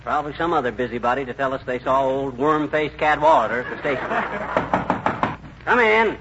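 An actor playing a boastful know-it-all husband in a 1940s radio comedy. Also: male voice, mid-range voice, fairly quick, close to an everyday voice. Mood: blustering. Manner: brash, blustering know-it-all. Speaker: comedy lead. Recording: noisy dull vintage radio broadcast.

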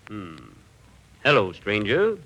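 An actor playing a calm, folksy western cabin dweller in a dry radio comedy style. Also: male voice, fairly low pitch, slow pace, full character voice. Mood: folksy, easygoing. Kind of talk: 1930s-40s radio comedy acting. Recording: noisy old radio recording.

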